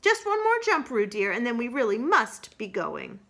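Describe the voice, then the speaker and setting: A woman voicing a brisk, doting, distracted mother kangaroo in a storybook, cooing in a motherly way. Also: a little high, huge pitch swings, gravelly, bright, forceful tone, voice pushed up, full character voice. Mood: distracted, hurried.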